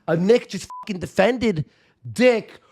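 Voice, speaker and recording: A man giving casual live reaction commentary in an animated, exclamatory way. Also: high-pitched, unhurried, slight background noise.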